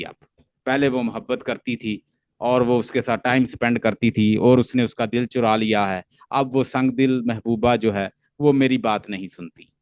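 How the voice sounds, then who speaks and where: A man's voice: mid-range voice, darkish tone, clear, resonant tone, no room sound. Pakistani man teaching poetry, patient and repetitive. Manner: repeats points patiently, mixing in English terms. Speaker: literature teacher. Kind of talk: online lecture.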